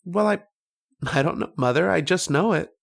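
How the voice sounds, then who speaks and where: In an old-time radio drama, a man voices a dreamy, insistent young boy, his voice a little high and creaky. The delivery is halting, earnest and childlike, with an anxious mood.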